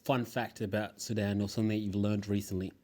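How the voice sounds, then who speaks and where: Guy hosting a chill interview, lowish voice, encouraging, keeps the questions coming. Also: flat delivery, fast. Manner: warmly encouraging, asks follow-up questions. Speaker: interview host. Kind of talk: casual interview.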